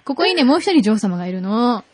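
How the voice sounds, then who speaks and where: A woman's voice: a little high, very animated, fast talker. A woman co-hosting a podcast, bossing and scolding a caller in a playful mock-dominatrix queen act. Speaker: podcast co-host.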